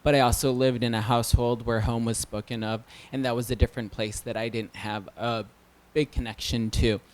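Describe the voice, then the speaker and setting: A man from Detroit asking a long question from the audience at a book reading, with many pauses and ums. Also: medium pitch, fairly even intonation. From Detroit, United States. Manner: hesitant, many ums and uhs.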